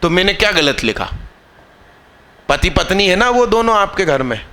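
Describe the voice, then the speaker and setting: A man teaching math live to a class, quizzing students, drilling terms slowly and scolding anyone not paying attention. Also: high voice, very animated, bright, forceful tone. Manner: scolding, teasing students mid-lesson.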